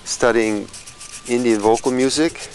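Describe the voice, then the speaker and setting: A man in his fifties from California, a musician telling his life story in a slow, reflective documentary interview, pausing and restarting as he thinks. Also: mid-range voice, darkish tone, low-quality recording. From California, USA. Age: 50s. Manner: slow, thoughtful, with pauses and small restarts.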